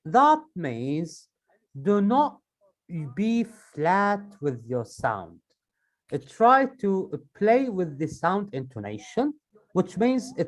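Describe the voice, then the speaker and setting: English, slow, lively rising and falling pitch, emphatic, repeats points, online class. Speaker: IELTS speaking teacher.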